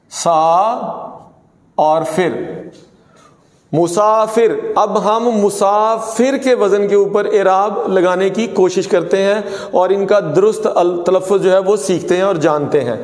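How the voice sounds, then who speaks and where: A man teaching a pronunciation lesson, saying words slowly and contrasting wrong and right forms. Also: high voice, steady tone, darkish tone. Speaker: Urdu teacher. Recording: echoey room with long reverb.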